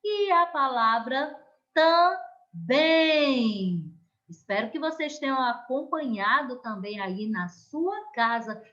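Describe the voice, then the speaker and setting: A Brazilian woman teaching an online lesson to children, stretching out the stressed words and gently coaxing the class to pay attention. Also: fairly high pitch, dull audio. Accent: Brazilian Portuguese. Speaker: primary school teacher.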